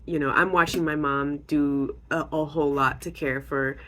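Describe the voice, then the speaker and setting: A young woman vlogger casually retelling a novel's plot, rambling with many fillers and acting out characters' lines in quick quotes. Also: sits low, steady tone, sharp tone. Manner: rambling, lots of likes and ums. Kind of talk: casual book talk.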